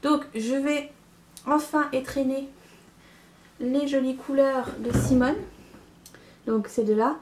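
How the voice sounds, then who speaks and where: Young woman, casual knitting chat, slightly high voice, warm, hesitant fillers, light laughs. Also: steady tone, slow pace, long pauses, a little hiss or hum. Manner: chatty, hesitant, many fillers and little laughs. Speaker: knitting podcast host. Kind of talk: casual chat showing yarn haul.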